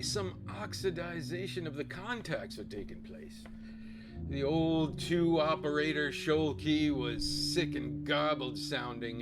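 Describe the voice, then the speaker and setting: A man giving an overly dramatic scripted reading in the manner of a hammy stage actor. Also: medium pitch. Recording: music playing behind the voice. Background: loud music.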